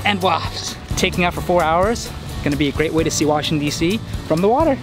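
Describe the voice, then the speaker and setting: A young man hosts a casual travel vlog, cheerfully pointing things out as he tours a boat, both out on the deck and inside the cabin. His fairly high voice is expressive and quick, with music playing underneath.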